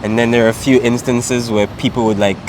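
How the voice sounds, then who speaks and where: This young Vincentian man has a mid-range voice and talks fast, relaxed and full of "um" and "like" as he chats in a casual interview. Background noise can be heard.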